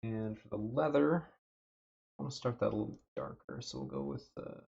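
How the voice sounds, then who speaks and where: Low husky guy rambling on a stream while he paints, dry throat, slightly muffled mic. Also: moderate pace. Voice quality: dry throat, a bit rough. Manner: relaxed, thinking aloud with many fillers. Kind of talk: casual livestream chat. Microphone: desk mic with noise gate.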